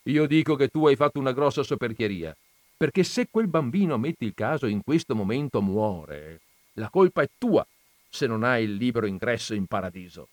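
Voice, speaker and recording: A stern, patient Christ figure, voiced by a male reader in a storybook audiobook, admonishing in a raised, emphatic voice. The pitch swings widely and the delivery is dry and close. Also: expressive, normal speed, no echo, lightly acted. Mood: scolding. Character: Christ on the crucifix, stern yet patient, scolding. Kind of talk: dramatized audiobook reading.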